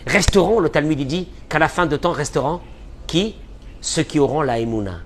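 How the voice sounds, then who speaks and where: A man giving an impassioned religious lecture as a rabbi, pleading and repeating phrases for emphasis, dropping to a hush and then rising loud. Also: fairly high pitch, expressive, normal speed, a little hiss or hum. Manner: pleading, emphatic repetitions, swings from hushed to loud.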